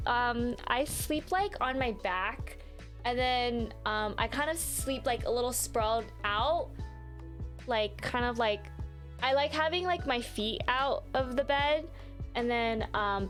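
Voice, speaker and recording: A young woman with a slightly high voice chats casually on a livestream, rambling with lots of fillers and quick apologies. Faint music plays behind her. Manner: chatty, apologetic, frequent fillers. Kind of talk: casual live-stream chat. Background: faint background music.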